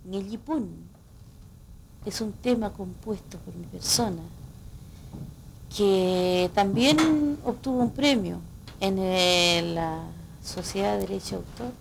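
A woman's voice: mid-range voice, lively intonation, slow, creaky, a little hiss or hum. Reflective woman explaining patiently. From Chile. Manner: explanatory, reflective, frequent "¿no?" tags. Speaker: guest singer. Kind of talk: radio interview.

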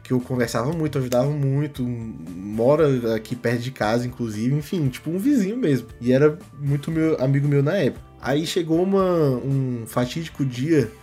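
A man's voice: mid-range voice, expressive, normal speed, few pauses, dark tone, faint music behind. A young man from Brazil, telling a long personal story in a rambling, casual way on a podcast. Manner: rambling, fillers like "mano" and "tá ligado". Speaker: podcast co-host.

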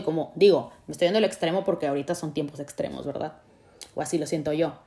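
A Mexican woman chatting to camera in a casual vlog, her voice low-pitched and warm. She slips into small voiced quotes of what people think and say, talking loosely and personably. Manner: chatty, acts out quoted thoughts in a lively way. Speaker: vlogger. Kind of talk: casual talk to camera about emotions.

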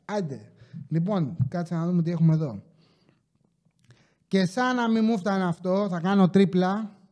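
This high-pitched man hosts a podcast, spinning funny stories with loose, lively energy. He imitates his customers' lines and doesn't hold back on the swearing.

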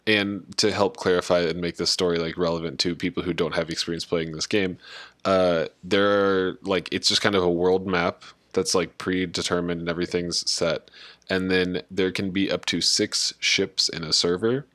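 A man's voice: low voice, level tone, moderate pace, a bit bright, no echo. A man co-hosting a podcast in natural unscripted talk, chatting casually in a jokey, self-mocking way. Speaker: podcast co-host.

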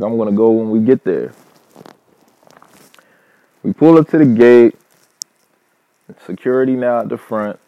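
A man's voice: on the low side, no room sound. A man, a truck driver, telling a casual personal story in loose, profanity-heavy talk full of fillers. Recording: dull, dry lo-fi recording.

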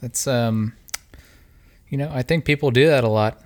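A man co-hosting a podcast in casual chat, laid-back and halting, with many fillers. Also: medium pitch. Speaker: podcast co-host.

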